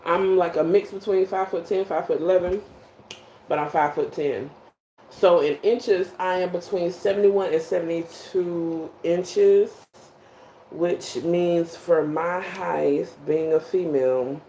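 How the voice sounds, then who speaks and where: A woman's voice: fairly low pitch, fairly even intonation, slow pace, dark tone, slight background noise. Young woman, twenties, frank rambling vlogger at home, roomy phone sound. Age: 20s. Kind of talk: casual late-night vlog. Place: home bedroom at night. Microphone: phone held in hand.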